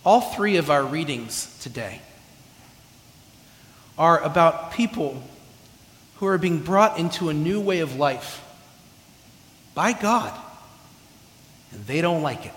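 This preacher from California speaks slowly with long pauses, his fairly high, fairly bright voice full of lively intonation. Echoing through the church sanctuary, his sermon is chatty, funny, and self-deprecating, with many restarted phrases.

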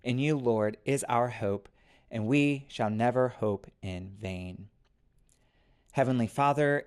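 A man officiating a church service, reading scripture and reciting prayers in a measured, formal way. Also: mid-range voice, a little mellow.

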